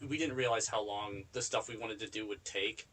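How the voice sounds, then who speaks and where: A man's voice: lowish voice, steady tone, fairly quick, a bit bright, poor audio. A young man co-hosting a podcast in casual chat, laid-back and agreeable, swearing now and then. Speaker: podcast co-host.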